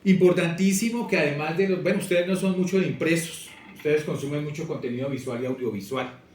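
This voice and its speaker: A man's voice: fairly high pitch, a little fast. Man lecturing in an echoey hall. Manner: lively, expressive, speaks straight to the audience. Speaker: language teacher. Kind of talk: lecture to students. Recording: echoey room, voice from far off.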